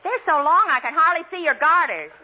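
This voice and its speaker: A needling boxer's girlfriend delivers wisecracks in a high, lilting voice. The 1940s radio recording is muffled and hissy. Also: animated, brisk. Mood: teasing. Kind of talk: 1940s radio comedy acting.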